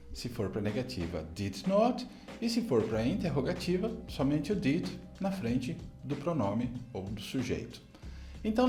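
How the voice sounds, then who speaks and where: A man from Brazil teaching an English lesson in a video, explaining grammar step by step and saying example sentences slowly. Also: fairly high pitch, darkish tone.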